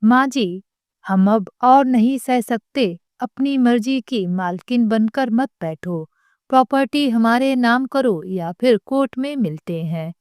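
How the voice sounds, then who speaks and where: A woman's voice: a little high, takes it slowly, dry recording, clean studio sound. A woman doing an angry, sarcastic daughter-in-law. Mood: angry, scornful. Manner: shouting, scornful.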